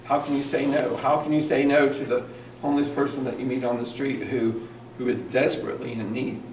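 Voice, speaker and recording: A man's voice: mid-range voice, flat delivery, brisk. A man pastor preaching an earnest sermon and calling on his congregation to repeat lines after him. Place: church hall. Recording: echoey room, mic at a distance, faint noise.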